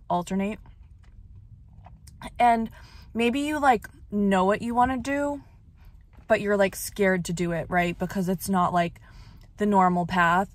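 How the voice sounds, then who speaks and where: A young woman at medium pitch chats casually for her vlog while running errands, in and out of doors and in the car, using lots of "like" and laughing easily. There's no echo.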